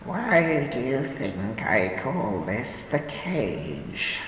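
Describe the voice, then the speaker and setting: A man voicing an ancient, frail, weary old woman in an audiobook, speaking in a slow, quavering, soothing way. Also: medium pitch, big pitch swings, fairly bright tone, voice pushed up, exaggerated voice. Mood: grave. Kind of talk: audiobook character reading. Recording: roomy echo, long reverb, faint hiss.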